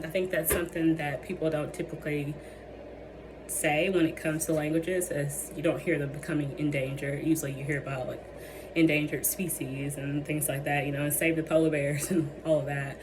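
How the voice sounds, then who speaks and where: Her voice low, deep-set and going hoarse, a young adult woman gives a student capstone presentation. She often hesitates, filling gaps with ums and restarting sentences, while a steady hiss of background noise runs underneath.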